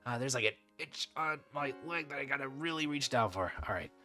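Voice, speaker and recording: A man's voice: medium pitch, lively intonation, fairly quick, sharp tone, faint music behind. A man streaming a game and reading its dialogue aloud in a casual way, with joking asides.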